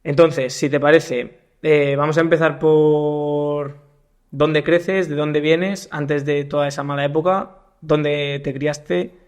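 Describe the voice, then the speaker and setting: A young man from Spain hosting a podcast and interviewing a guest in casual conversation, often pausing and repeating words as he asks his questions. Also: a little high, steady tone, smooth. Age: young adult. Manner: hesitant, repeats words while asking questions. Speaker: podcast host.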